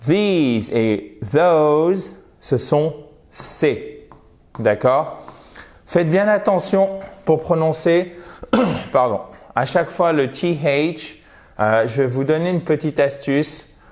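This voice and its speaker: Slow, deliberate French teacher, a man. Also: a little high, lively intonation, darkish tone. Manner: slow and deliberate, drawing out example words. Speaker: English teacher. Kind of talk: explaining English grammar in French.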